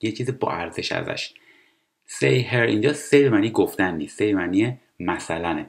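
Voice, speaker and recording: A man teaching English, explaining TV dialogue line by line and reading English phrases slowly and carefully. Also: lowish voice. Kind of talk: language lesson explaining TV dialogue.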